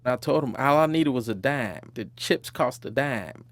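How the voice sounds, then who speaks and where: A man's voice: mid-range voice, expressive, moderate pace, no room sound. A man being interviewed, recalling his childhood in a reflective way and chuckling now and then. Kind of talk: personal storytelling interview.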